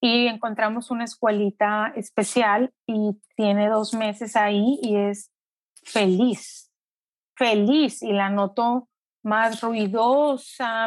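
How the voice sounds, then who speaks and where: Brief: middle-aged mother, interviewee, fairly high voice, dry close mic, earnest and reflective. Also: dry recording. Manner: reflective, earnest, often slows down. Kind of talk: emotional personal testimony.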